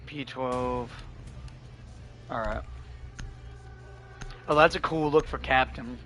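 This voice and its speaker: A man with a hoarse, fading voice giving relaxed, casual commentary as he plays a game on stream. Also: mid-range voice, takes it slowly, soft background music. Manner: relaxed, thinking aloud while playing. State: hoarse, losing his voice.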